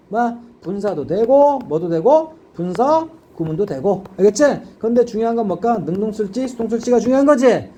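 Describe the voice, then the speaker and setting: Korean man teaching english, high lively voice, mellow tone, keeps asking "got it?", faint room hum. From South Korea. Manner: constant checking questions to students. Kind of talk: classroom grammar lecture.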